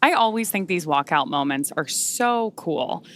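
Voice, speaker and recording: A woman's voice: fairly low pitch, animated, a little slow. A woman co-hosting a live spaceflight webcast, explaining things in a conversational way. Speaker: launch webcast co-host.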